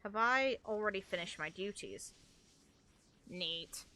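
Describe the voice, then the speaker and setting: A woman who creates gaming videos and streams muses on game lore in a rambling, casual way, thinking aloud over background music. Her medium-pitched voice is animated, slow, bright, and forceful.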